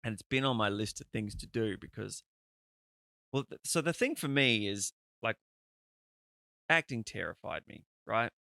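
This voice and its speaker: Male host, 30s, gravelly and bright, chatty and sweary, dry podcast mic. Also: lowish voice, no room sound. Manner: chatty, rambling and peppered with swearing. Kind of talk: casual conversational interview.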